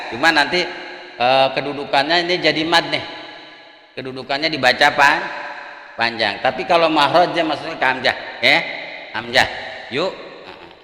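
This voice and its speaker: A man's voice: fairly high pitch, sharp tone. A man with an Indonesian accent teaching a Quran recitation lesson, patiently sounding out syllables one at a time and chanting the examples. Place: religious gathering hall. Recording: echoey hall.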